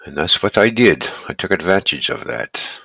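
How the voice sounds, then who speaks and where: Guy with a real low voice rambling on his stream, bright edge, dry close mic. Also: moderate pace, vocal fry, no echo. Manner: relaxed, rambling, greets viewers while eating. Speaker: livestream host. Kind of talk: casual live-stream chat.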